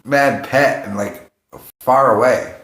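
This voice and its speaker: A man's voice: mid-range voice, slow pace, a bit bright. Rambling man streaming in an echoey room. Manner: rambling, jumps between topics. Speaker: livestream host. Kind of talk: casual, profane livestream chat. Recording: roomy, echoing room sound.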